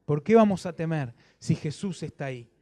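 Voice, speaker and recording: A man preaching a sermon in a Rioplatense Spanish accent, repeating phrases for emphasis and often checking in with a quick "¿sí?". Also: fairly high pitch, expressive, mellow, dry recording. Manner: questioning the congregation with frequent "¿sí?". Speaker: pastor.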